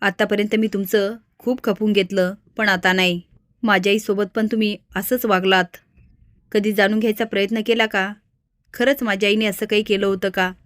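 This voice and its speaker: Give me a fierce young wife shouting accusations, read by a woman storyteller. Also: medium pitch, fairly even intonation, normal speed, no room sound, clean studio sound, natural voice. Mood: accusing. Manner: loud, accusing. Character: defiant young wife confronting her family.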